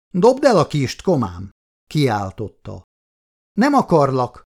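A man reading a thriller audiobook in a steady, mid-range voice. He keeps a measured pace and stretches the tense phrases for drama. Scripted narration throughout. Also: mid-range voice.

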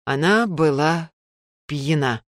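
A woman narrating a story in an even, measured audiobook style. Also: deep voice, no room sound, studio quality.

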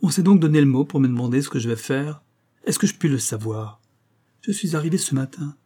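A man reading an audiobook, voicing a proud, hot-tempered young actress with a sharp, impatient manner. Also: medium pitch, expressive, fairly quick, pitched above the performer's own voice, lightly acted. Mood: irritated.

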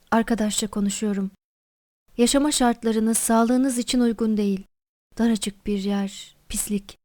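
A woman's voice: on the high side, warm tone, no room sound, clean studio sound, natural voice. A woman voicing a jovial, talkative older male postmaster who speaks in a hearty, coaxing, familiar way.

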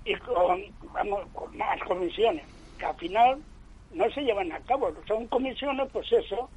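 A man calling in over the phone to a radio debate, making his points earnestly and deliberately, repeating them. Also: sits high, darkish tone, rough recording. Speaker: radio caller. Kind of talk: call-in opinion on a radio debate.

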